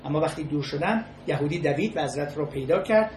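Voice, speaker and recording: A measured lecturer talks in short, halting phrases and often repeats a key word before moving on. The voice sits at an ordinary middle pitch. It echoes around the room, with a faint hiss of noise underneath. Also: animated, a little mellow. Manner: measured and halting, restating key words and pausing between phrases. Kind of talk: spoken lecture on ethics with storytelling.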